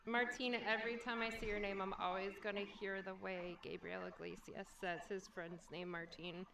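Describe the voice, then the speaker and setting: A woman's voice: mid-range voice, flat delivery, normal speed, gravelly, fairly bright tone, a little hiss or hum. Woman sounding like she is inside a barrel. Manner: chatty, reads viewer comments aloud. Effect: hollow, echoey sound as if inside a barrel, from her voice being picked up on two mics. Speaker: livestream host. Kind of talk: casual chat with viewers. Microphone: two microphones picking up her voice. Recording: hollow echoey doubled-mic sound.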